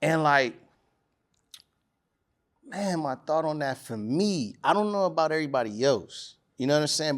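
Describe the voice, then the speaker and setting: Casual man rambling in a podcast chat. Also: on the high side. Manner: rambling, restarts often, emphatic when making a point. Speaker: podcast host. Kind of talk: casual studio conversation. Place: podcast studio.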